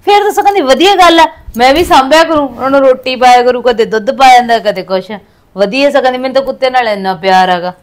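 A woman's voice: sits high, quick pace, lightly acted. A young woman playing a hurt wife in a short film, talking in a plaintive, complaining way. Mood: aggrieved. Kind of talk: Punjabi short film acting.

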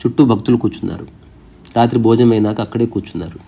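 Male storyteller, mid-pitched warm voice, reflective spiritual narration. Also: rapid-fire, vocal fry. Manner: calm reflective narration mixing in English words. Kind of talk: reading a story aloud with acted dialogue.

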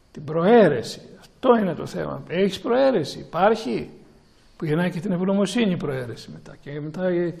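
A male priest giving a sermon to a gathering and taking questions, speaking slowly and haltingly with many restarts and repeated words. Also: high voice, gravelly, a little mellow.

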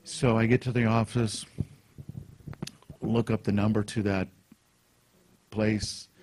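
A man's voice: fairly low pitch, level tone, slow, darkish tone, slight background noise. A man giving a sermon at a conference, telling stories in a chatty way and acting out the quotes. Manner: anecdotal, conversational with acted-out quotes. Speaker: conference speaker. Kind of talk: sermon storytelling. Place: conference hall.

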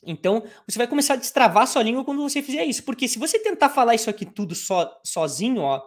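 A Brazilian woman, a native Portuguese speaker, teaching English in a live online lesson and drilling phrases slowly, piece by piece. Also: fairly high pitch, sing-song.

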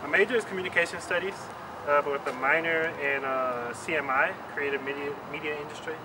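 A man's voice: on the high side, steady tone, a little fast. A young man from Milwaukee, a student answering interview questions outdoors, hesitant with many fillers. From Milwaukee, Wisconsin. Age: young adult. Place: outdoors by a brick building. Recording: distant mic with traffic noise.

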